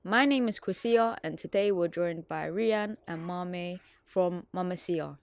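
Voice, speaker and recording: Gravelly low-voiced woman podcast host. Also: unhurried, no echo. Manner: laughs often, friendly questions. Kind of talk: casual interview.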